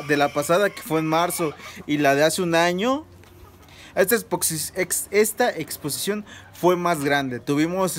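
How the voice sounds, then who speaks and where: A man's voice: fairly high pitch, a little hiss or hum. A young man with a Mexican Spanish accent, chatting informally into a phone held at arm's length outdoors under trees, with fillers and restarts. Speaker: miniature rooster breeder vlogger. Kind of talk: casual selfie vlog review. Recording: phone audio with roosters crowing behind.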